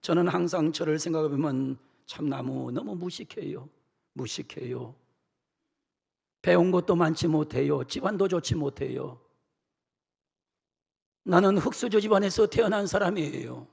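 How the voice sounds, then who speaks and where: A middle-aged man, a pastor preaching a sermon, dramatically acting out quotes with shouted outbursts and slow, pleading phrases. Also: on the high side, gravelly, husky. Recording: church sermon with long hall reverb.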